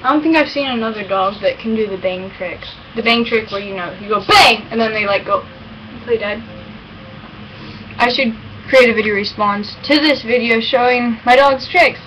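Clear background noise surrounds a woman with a fairly high voice. She rambles casually in an informal vlog style, recorded at home. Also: normal speed, a bit bright. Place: at home at a computer, with a dog nearby. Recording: noisy amateur home recording.

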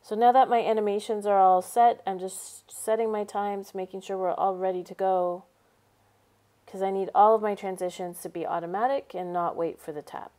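A woman's voice: mid-range voice, fairly even intonation, normal speed, warm tone. A woman teacher narrating a screencast tutorial, explaining each step in an upbeat way. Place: voice-over over a screen recording.

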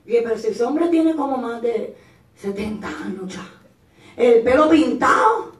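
A woman evangelist giving an impassioned Pentecostal sermon, rising to shouts at times and acting out the voices of others. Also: fairly high pitch, expressive, unhurried. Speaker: evangelist preacher. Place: church. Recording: echoey church hall, mic at a distance.

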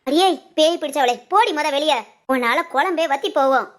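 A woman voicing a bossy, sharp-tongued village mother-in-law in a cartoon, scolding with curt retorts. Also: high-pitched, fairly quick, lightly acted. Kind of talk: cartoon voice acting.

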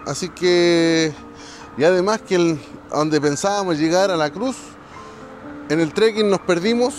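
Halting Chilean man, higher-pitched, night vlog. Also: soft background music. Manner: halting, searching for words. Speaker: paranormal exploration vlogger. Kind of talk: casual night exploration vlog. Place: outdoors at night.

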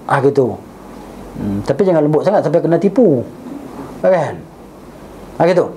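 A man's voice: on the high side, very animated, moderate pace, warm tone, a little hiss or hum. A man, a religious teacher telling a story in class. He recites Arabic and then explains it, and keeps checking with his listeners.

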